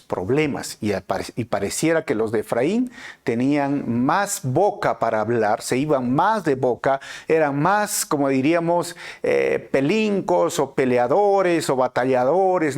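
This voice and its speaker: Man, Peruvian accent, Bible teaching, conversational, tag questions, lively pitch. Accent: Peruvian Spanish. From Peru. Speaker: pastor.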